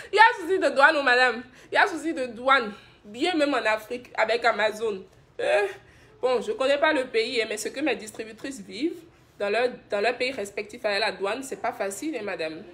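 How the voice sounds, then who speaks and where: Speaking briskly in a fairly high, fairly bright voice, a woman from Benin runs a live stream as a skincare brand host. She laughs often, reads comments out loud, and answers viewers about skincare in a chatty, affectionate manner.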